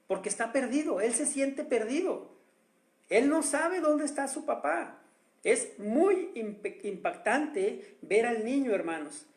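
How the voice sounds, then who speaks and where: A preacher in full sermon mode who leans hard on key words and keeps turning to the congregation as brothers. The delivery is slow and unhurried. The voice rings out in a roomy church hall with a clear echo. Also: medium pitch, darkish tone. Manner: emphatic, repeatedly addresses listeners as brothers; drawn-out stresses on key words.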